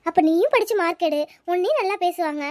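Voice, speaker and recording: A woman's voice: extremely high pitch, animated, quick pace, darkish tone, dry recording, clean studio sound. A woman voicing a caring, talkative village schoolgirl, coaxing and reassuring her friend. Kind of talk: cartoon voice acting.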